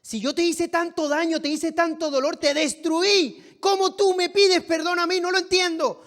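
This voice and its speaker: A man's voice: very high voice, level tone, moderate pace, fairly bright tone, voice pushed up. A man voicing an anguished, incredulous wrongdoer. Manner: pleading, incredulous, raised voice. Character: anguished man who can't grasp being forgiven. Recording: reverberant church hall.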